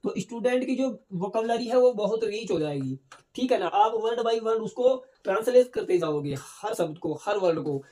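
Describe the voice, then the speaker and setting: A male teacher giving an exam-prep lecture. He asks questions and answers them himself, often tags on "theek hai na", and reads English points out slowly. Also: high-pitched, warm tone. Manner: keeps adding "theek hai na".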